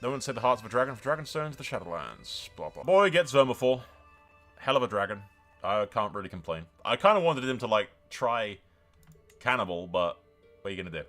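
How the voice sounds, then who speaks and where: Hosting casual game commentary, a male streamer speaks briskly at medium pitch, his voice lively, swinging and bright with a forceful edge. He swears freely and jokes wryly in an informal way while faint music plays underneath.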